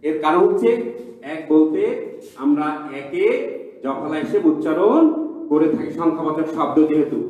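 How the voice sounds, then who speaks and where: A man's voice: on the high side, moderate pace, long pauses, narrow, tinny audio. A male college teacher giving an online class lecture, explaining step by step, repeating himself and asking his students questions. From Bangladesh. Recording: very echoey room.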